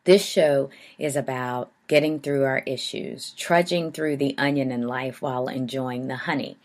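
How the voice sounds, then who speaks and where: A woman's voice: extremely low pitch, steady tone, normal speed, no room sound. A woman podcast host with a Southern Ohio Appalachian accent, talking candidly and informally to listeners and her guest. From Southern Ohio Appalachia, United States. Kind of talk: conversational podcast introduction and chat.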